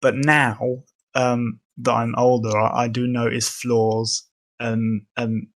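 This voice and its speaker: A young Englishman, appearing as a podcast guest, chats casually in a mid-range voice. His delivery is flat and slow, and he hesitates a lot, with many ums and restarts.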